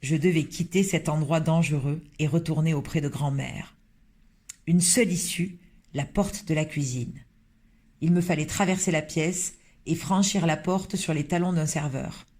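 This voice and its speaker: Male audiobook reader for a children's novel, high voice, lively delivery. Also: moderate pace. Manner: lively, expressive storytelling. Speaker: audiobook narrator. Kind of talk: scripted narration of a children's novel.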